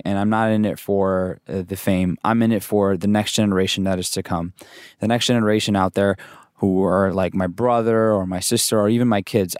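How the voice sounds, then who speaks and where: A young man, a videographer, speaking in an earnest and deliberate way about his work. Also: lowish voice, a little mellow, no echo, studio quality. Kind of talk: interview testimony.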